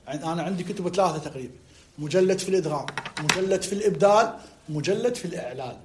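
Man, Iraqi Arabic accent, high voice, teacher, slow dictation, quizzes students. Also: a little hiss or hum. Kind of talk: classroom lesson.

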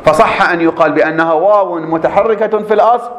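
A male teacher walks his students through a grammar rule, asking again and again whether they follow. His voice sits a bit high. The classroom around him gives a roomy echo. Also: quick pace, fairly bright tone. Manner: explanatory, repeats points and checks understanding.

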